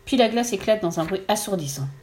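Woman reading a kids' story out loud, lively, middle pitch. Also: a little fast. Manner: lively, voices the characters' lines with raised pitch. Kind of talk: children's story read aloud.

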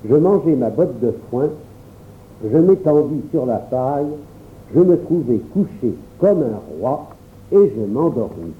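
A man giving an expressive first-person storybook narration as an audiobook reader. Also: mid-range voice, measured pace, slight background noise. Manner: expressive, lively reading. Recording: tinny phone-like sound.

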